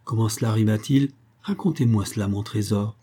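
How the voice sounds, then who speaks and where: A man's voice: on the low side, fairly quick, warm tone, natural voice. A man reading a storybook aloud, voicing a cunning, spiteful old grandmother who coaxes and wheedles. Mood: wheedling. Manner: wheedling, calls everyone dear.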